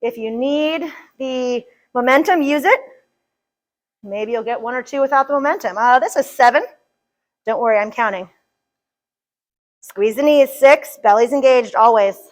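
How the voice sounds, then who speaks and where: A woman's voice: on the high side, moderate pace, long pauses, poor audio. A woman leading a live chair yoga class, upbeat and joking as she counts reps, a little out of breath at times. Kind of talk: live fitness class instruction.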